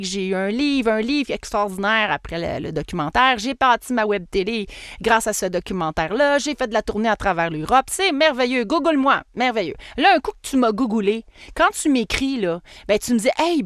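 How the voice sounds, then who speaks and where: A woman with a Québécois accent, hosting a casual solo podcast in a chatty, animated way and laughing at herself. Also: a little high, smooth, no echo, studio quality. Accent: Québécois French. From Quebec. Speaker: podcast host and marketing coach.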